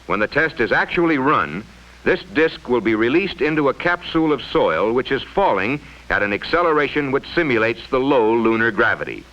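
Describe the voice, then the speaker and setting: A male narrator of medium pitch and normal speed voices a mid-century science film in a formal, explanatory style with animated intonation. The sound is muffled, lo-fi, and vintage.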